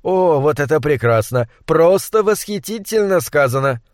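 A man's voice: on the high side, animated, normal speed, no echo, clean studio sound, natural voice. A man voicing a genial, friendly writer with an affable manner.

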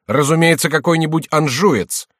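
A man voicing a frantic, hysterical young male courtier in an audiobook, shouting wildly. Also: fairly high pitch, normal speed, no echo, studio quality, voice pushed up, lightly acted.

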